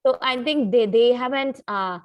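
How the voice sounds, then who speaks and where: A woman's voice: on the high side, normal speed, dull audio. A woman on a video call discussing learner errors in a group, hesitant and often restarting her sentences. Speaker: student teacher.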